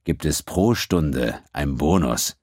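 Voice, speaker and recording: A man voicing a menacing, smug male space pirate in an audiobook, calm, growling and mocking. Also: very deep voice, slow, breathy edge, dry recording, clean studio sound, heavily acted. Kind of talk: audiobook character voice.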